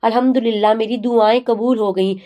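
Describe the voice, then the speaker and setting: A woman's voice: fairly high pitch, steady tone, mellow, lightly acted. A woman voicing an affectionate grandmother over sixty who gives her blessing.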